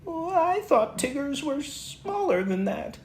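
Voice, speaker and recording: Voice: sing-song, takes it slowly, exaggerated voice. A timid tiny Piglet. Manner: squeaky, nervous, hesitant. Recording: roomy echo, faint background noise.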